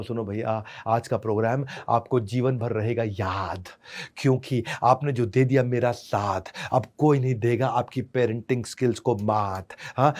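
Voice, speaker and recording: A man's voice: medium pitch, a little mellow. A man giving a motivational parenting seminar. He speaks theatrically, uses rhyming lines and mixes English into Hindi. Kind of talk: stage seminar talk.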